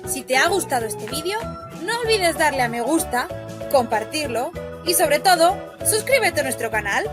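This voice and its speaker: Over loud children's music, a high-pitched, very animated narrator with a Spain Spanish accent reads a scripted grammar lesson for kids. She spells out the example words in a slow, drawn-out way.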